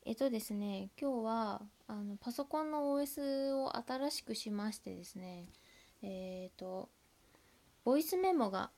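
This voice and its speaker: A woman with a Tohoku accent hosting a casual solo podcast from home, talking softly and rambling with many fillers and whispered asides into a laptop mic. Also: fairly high pitch, expressive, unhurried. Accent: Tohoku Japanese. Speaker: podcast host. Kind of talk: casual solo radio chat. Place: at home by an open window. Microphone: laptop built-in mic.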